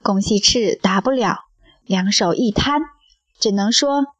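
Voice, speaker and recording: Slow, measured woman storyteller. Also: medium pitch, husky, no room sound. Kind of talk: serialized story narration.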